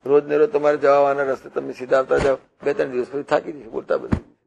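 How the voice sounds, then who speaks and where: A man preaching a devotional sermon, teaching slowly and repetitively with rhetorical questions and parables. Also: medium pitch, flat delivery, creaky, noisy background. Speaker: religious preacher.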